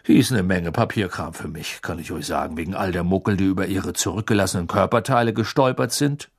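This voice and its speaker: Ein Mann, der in einem Hörbuch einen fröhlichen, väterlichen Zauberer mittleren Alters spricht. Die Stimme klingt eifrig und erklärend und ist deutlich angehoben. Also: male voice, sits low, a little fast, slightly rough. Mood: eager explaining. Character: cheerful fatherly wizard, middle-aged man.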